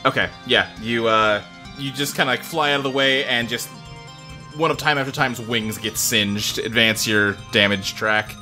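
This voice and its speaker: A man's voice: medium pitch, moderate pace, bright, forceful tone, soft background music. A man improvising narration as game master in a hesitant, conversational way.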